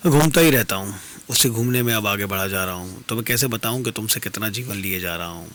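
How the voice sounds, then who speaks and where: A man performing dastangoi, voicing a calm, detached wandering stranger who consoles the queen with measured, philosophical words. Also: lowish voice, natural voice. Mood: consoling. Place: radio studio.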